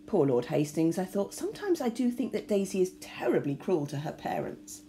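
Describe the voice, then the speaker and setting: Woman reading a novel aloud, expressive, lively pitch, mellow, lowish voice. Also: moderate pace, a little hiss or hum. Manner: expressive storytelling. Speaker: reader.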